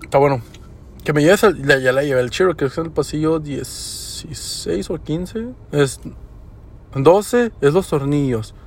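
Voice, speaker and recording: A man's voice: fairly high pitch, unhurried, slight background noise. A young man with a Mexican Spanish accent telling work stories on his podcast, casual and crude. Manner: slangy, crude, laid-back. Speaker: podcast host. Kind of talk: casual storytelling.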